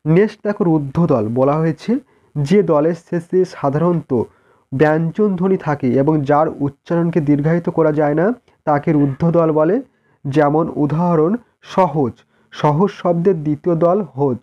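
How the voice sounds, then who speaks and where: A man with a Bengali accent teaching an exam-prep lesson, reading answers out slowly and plainly and calling on students to look at each point. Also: fairly high pitch, dark tone, muffled recording. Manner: slow, deliberate dictation with repeated cues to look.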